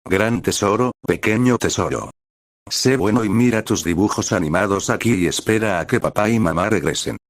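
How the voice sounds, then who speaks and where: A man's voice: fairly low pitch, moderate pace, no echo, clean studio sound, close to an everyday voice. Man reading an earnest, coaxing young husband. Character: doting, teasing young husband.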